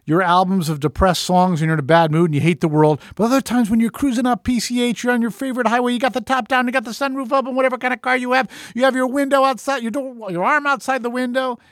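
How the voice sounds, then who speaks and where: High-voiced man rambling through a story. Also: quick pace, few pauses, dry recording, studio quality. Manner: rambling and animated, swears freely, acts out his own quoted thoughts. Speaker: podcast host. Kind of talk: casual storytelling monologue.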